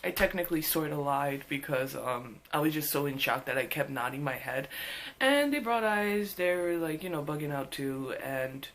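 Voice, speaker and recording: A woman vlogger telling a personal story in a casual, animated way, full of filler words. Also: low-pitched, moderate pace, a little hiss or hum.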